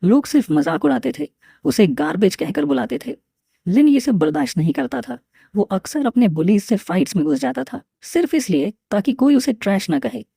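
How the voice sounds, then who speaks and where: A woman narrating a recap of a comic story in a steady storytelling delivery. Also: a little high, brisk, gravelly, breathy edge, no room sound, clean studio sound.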